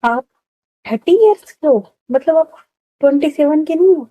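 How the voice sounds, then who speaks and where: A woman voicing a curious, eager young woman in her twenties who keeps asking questions, with a hoarse throat. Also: on the high side, steady tone, measured pace, no echo, phone-quality sound, natural voice. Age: 20s. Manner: asks question after question.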